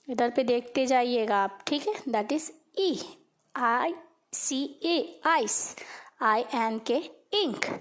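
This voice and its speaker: High-voiced, slow, patient woman tutor. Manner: patient, checks in with 'okay' after each point, spells letters out slowly. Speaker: English tutor. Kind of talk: explaining a phonics lesson.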